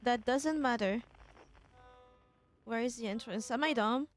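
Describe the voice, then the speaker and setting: A young woman streamer talks through a game in casual commentary, musing aloud and asking herself question after question. Her voice is high and her pace slow.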